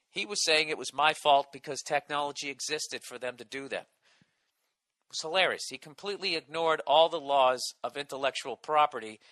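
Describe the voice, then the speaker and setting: A man's voice: on the high side, bright, forceful tone. A man in his forties with a Boston accent, ranting and swearing on his solo podcast, exasperated. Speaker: podcast host.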